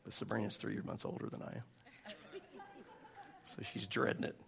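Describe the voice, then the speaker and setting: A pastor, telling funny stories and laughing often. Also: male voice, fairly low pitch, fairly even intonation, moderate pace, gravelly, a crowd in the background. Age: 40s. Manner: joking, storytelling, laughing often. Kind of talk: sermon.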